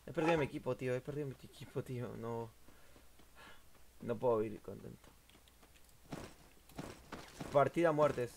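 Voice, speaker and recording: A young man, streaming a game and commentating live, excitable and swearing at the action. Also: mid-range voice, moderate pace, creaky, pauses often, slight background noise. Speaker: gaming streamer.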